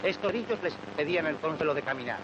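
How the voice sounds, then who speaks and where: A man's voice: a little high, expressive, quick pace, lo-fi sound, heavy background noise. A man narrating an old newsreel in a declamatory, emphatic manner, heard on an old film soundtrack. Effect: old newsreel recording.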